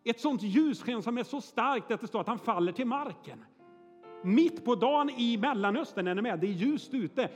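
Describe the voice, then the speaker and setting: A man's voice: very high voice, lively intonation, big-room sound, soft background music. A man preaching a sermon in a church, telling stories in a chatty way with frequent fillers and check-ins with the congregation. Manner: chatty storytelling with frequent "eh" and "är ni med?". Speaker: pastor. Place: church hall.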